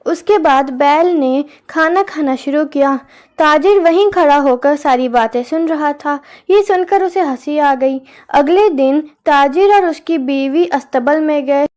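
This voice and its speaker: High-voiced woman storyteller. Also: a little slow, darkish tone. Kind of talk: scripted children's story narration.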